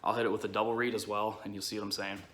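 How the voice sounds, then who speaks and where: Male, lowish pitch with a bright edge, casual tutorial delivery, plain-spoken explainer. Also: little pitch movement, racing. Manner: informal, explanatory, frequent check-ins like "okay" and "all right". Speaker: duck-calling instructor.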